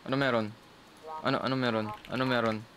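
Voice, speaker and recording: A man from the Philippines streaming a game, excitedly talking to his chat and mixing English with Tagalog. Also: medium pitch, quick pace. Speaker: gaming streamer. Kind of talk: casual gameplay commentary to chat. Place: indoors at someone else's house, keeping voice down. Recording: clear game music under voice. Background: background music.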